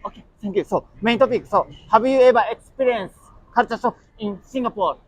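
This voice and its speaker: A man's voice: sits high, a little fast, dry recording, low-quality recording. A man, interviewing people on the street with short, repeated questions. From Japan. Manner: short repeated questions, frequent brief acknowledgements.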